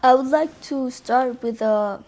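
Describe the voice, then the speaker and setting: A woman's voice: sits high, a little slow, darkish tone. A teenage girl from Spain, a podcast guest, speaking hesitantly and repeating words as she searches for them. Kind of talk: casual chat.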